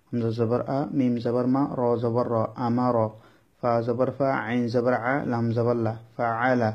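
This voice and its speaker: Teacher, male, mid-pitched; patient letter-by-letter drill, slightly dull lo-fi recording. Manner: slow, repetitive letter-by-letter spelling, then the blended word. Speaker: Quran reading teacher. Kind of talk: spelling-drill lesson. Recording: dull lo-fi sound.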